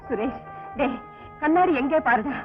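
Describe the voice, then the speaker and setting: A fussy, scolding old grandmother who can barely see, her voice high and thin. It comes from a tinny old film soundtrack with faint music underneath. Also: animated, moderate pace. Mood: puzzled. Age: older. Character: elderly grandmother, half-blind and drowsy. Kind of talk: classic film dialogue.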